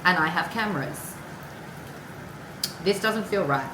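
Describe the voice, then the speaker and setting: A woman's voice: lowish voice, lively intonation, measured pace. A woman giving a casual, rambling tarot reading with personal asides and the odd swear word. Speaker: tarot card reader. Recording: echoey room with clear background noise.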